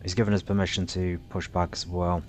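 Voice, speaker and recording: Low-voiced man muttering through a flight sim. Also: level tone. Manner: halting, muttering to himself. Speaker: flight simulator streamer playing a pilot. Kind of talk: casual self-narrated gameplay with radio calls. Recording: rumbly background noise.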